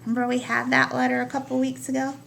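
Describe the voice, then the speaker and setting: A woman teaches young children to write, stretching each word into slow separate sounds. Her voice sits a little high. A faint hiss runs under the recording. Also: monotone, creaky, a bit bright. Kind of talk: home-recorded writing lesson for young children.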